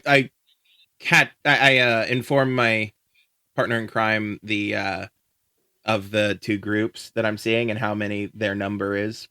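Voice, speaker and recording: A man takes part in a tabletop game, working through his plans out loud with frequent stops and restarts. His voice is bright and fairly low, and his pace is slow. The sound is dry and close. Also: dry recording. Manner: halting, thinks aloud. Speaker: player.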